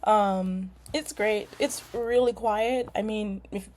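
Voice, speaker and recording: A woman's voice: medium pitch, steady tone, slow, darkish tone. Rambling young woman introducing herself. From California. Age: young adult. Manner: rambling, frequent ums and likes. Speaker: nursing student. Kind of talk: casual self-introduction video. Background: lawnmowers outside.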